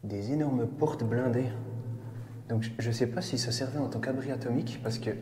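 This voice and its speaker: A man's voice: medium pitch, moderate pace, warm tone. A man exploring an underground bunker and filming a vlog. He talks to his viewers nervously and cracks jokes, and the concrete rooms give his voice a cathedral-like echo. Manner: nervous, joking, talking to viewers. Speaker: urban explorer filming a video. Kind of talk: vlog narration while exploring. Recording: echoey underground bunker, long reverb, faint ambience.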